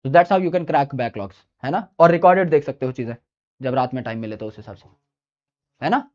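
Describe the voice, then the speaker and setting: A man's voice: medium pitch, animated, moderate pace, darkish tone. A male teacher speaking informally, emphatic and chatty, circling back to hammer home his main points. He calls his listeners brother as he talks. The recording is muffled and lo-fi. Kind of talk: informal study-advice lecture.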